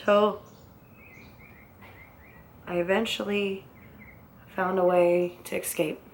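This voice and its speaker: A woman's voice: mid-range voice, little pitch movement, slow, a little hiss or hum. A young woman casually telling her own story in a rambling, blunt way, swearing often.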